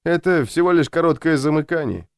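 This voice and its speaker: A man voicing a polite, unflappable Japanese businessman who speaks in a courteous, calm and measured way. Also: on the high side, smooth, no echo, clean studio sound, voice pushed up, lightly acted.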